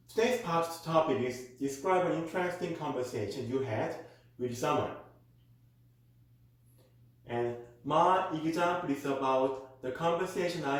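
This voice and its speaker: A man with a Korean accent, a native Korean speaker, teaching as a tutor and reading model exam answers aloud at a slow, careful pace for learners. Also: mid-range voice. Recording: very echoey room.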